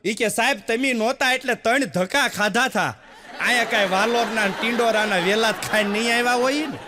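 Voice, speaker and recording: A man's voice: very high-pitched, fairly quick, big-room sound, background noise. A man from Gujarat, telling village jokes on stage and acting out both sides of each exchange. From Gujarat, India. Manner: tells village jokes with quoted dialogues, repeats punchlines. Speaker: stand-up comedian. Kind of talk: folksy stand-up joke telling. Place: stage show before an audience.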